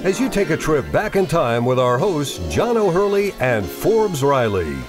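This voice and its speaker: A male announcer delivers a hard-sell ad script with emphatic promotional flair. His voice sits a little high and swings widely in pitch. Music plays clearly behind him. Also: sing-song, measured pace. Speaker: infomercial announcer.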